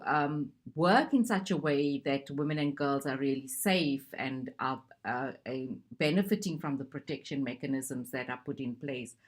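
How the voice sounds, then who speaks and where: A woman from South Africa who works as a gender advisor, presenting a recorded conference talk in a conversational way with hesitant fillers. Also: low-pitched.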